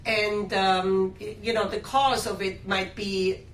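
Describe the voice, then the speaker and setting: An Austrian woman hosts a live shopping-show interview for a skincare brand, using lots of fillers and enthusiastic sales talk. She speaks slowly in a mid-range, level voice, recorded on a distant mic in a roomy space with a faint hum.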